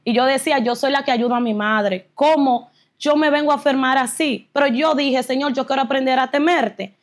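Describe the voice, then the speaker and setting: A woman's voice: high-pitched, moderate pace. A woman giving an earnest, fervent religious testimony as an interview guest, retelling her story with emotion.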